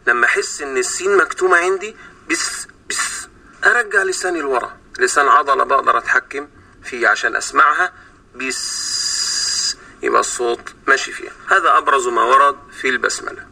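Bright-voiced Egyptian man teaching recitation. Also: mid-range voice, gravelly. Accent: Egyptian Arabic. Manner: slow drawn-out sounds to demonstrate. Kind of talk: explaining pronunciation on a radio program. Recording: distant radio broadcast sound.

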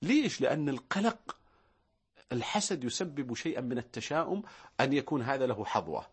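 A man's voice: medium pitch, very animated, fairly quick, slightly rough. A man, a guest expert on a talk show, who lists his points and acts out little example voices. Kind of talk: studio talk show discussion.

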